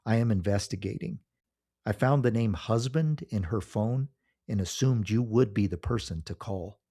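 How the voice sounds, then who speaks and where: A man's voice: on the low side, dark tone, husky. A man playing a polite, sombre police officer in a narrated story, speaking formally and matter-of-factly. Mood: sombre, official. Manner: formal, measured, matter-of-fact. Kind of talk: scripted story dialogue.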